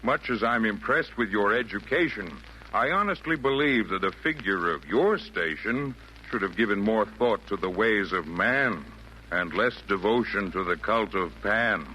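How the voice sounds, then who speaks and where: An actor playing a wise, jolly yet firm old Santa, speaking eloquent rhymed verse in a theatrical 1940s radio style. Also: male voice, fairly low pitch, lively intonation, moderate pace, bright, forceful tone. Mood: reasoning. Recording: noisy vintage 1940s radio broadcast.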